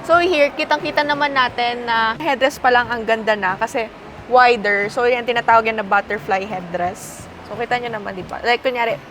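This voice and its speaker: Chatty woman presenting a van, higher voice. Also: a bit bright, slight background noise, low-quality recording. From Philippines. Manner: chatty, demonstrative, pointing out features one by one. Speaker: car review presenter. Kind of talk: casual car walkaround review. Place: inside a passenger van.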